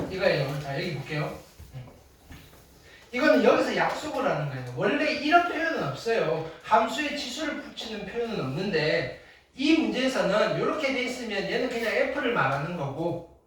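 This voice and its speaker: Teacher lecturing a class, very animated, loud bursts then low asides; recorded far off in a booming room. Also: moderate pace, very echoey, slight background noise. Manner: emphatic, keeps asking "됐나요?" and "알겠어요?". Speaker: high school math teacher.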